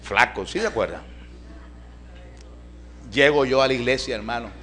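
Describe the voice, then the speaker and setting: A male pastor preaching a storytelling sermon in a church, folksy and animated, often calling his listeners brother. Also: medium pitch, moderate pace.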